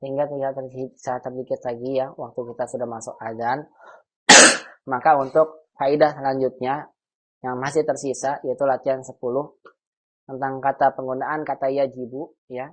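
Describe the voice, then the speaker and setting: A man's voice: mid-range voice, little pitch movement, a bit bright. A man teaching an online Arabic grammar class, patiently repeating example phrases and quizzing his students. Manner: patient, repeats example phrases slowly and asks quiz questions. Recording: dull lo-fi online call audio.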